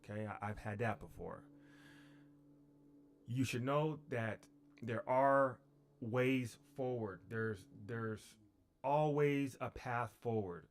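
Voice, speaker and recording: A man's voice: medium pitch, takes it slowly, pauses often. A man teaching on a livestream. He talks unhurriedly, with fillers and repeated phrases.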